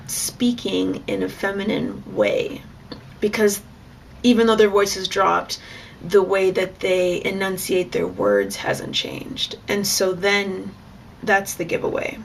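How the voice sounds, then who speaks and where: A young woman vlogs in a frank, chatty way, her voice carrying a gravelly fry. A faint hiss of noise sits under the recording. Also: mid-range voice, slow pace. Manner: frank, chatty, with bursts of laughter. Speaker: vlogger. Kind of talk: casual candid vlog monologue.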